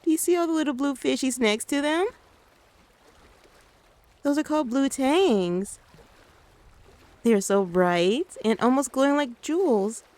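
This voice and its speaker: A woman playing a gentle, doting mother in a soft-spoken ASMR role-play, soothing and coaxing as she talks to the listener like a small child. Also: high-pitched, a little slow, pauses often. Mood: tender. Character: gentle doting mother taking her little one out. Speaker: ASMR creator.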